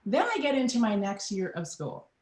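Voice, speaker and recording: A woman's voice: mid-range voice, moderate pace. Trinidadian woman telling her story. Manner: animated, acts out voices in her story. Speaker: guest. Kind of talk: personal storytelling in an interview. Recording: roomy echo.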